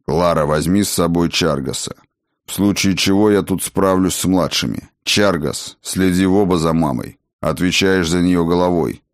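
A man voicing a gruff, protective dragon father in a storybook reading, talking in a low grumble. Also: moderate pace, no echo, studio quality, natural voice. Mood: stern.

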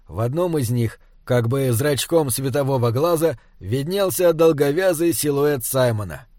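A man's voice: medium pitch, lively intonation, moderate pace, warm tone, no room sound, studio quality. Man reading a fantasy audiobook. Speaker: audiobook narrator. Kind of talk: scripted narration.

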